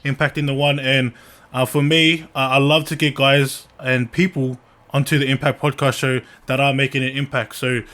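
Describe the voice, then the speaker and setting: A man hosting a podcast in casual, earnest, slangy talk, often halting and repeating words. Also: medium pitch, level tone, a bit bright. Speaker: podcast host. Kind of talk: casual chat.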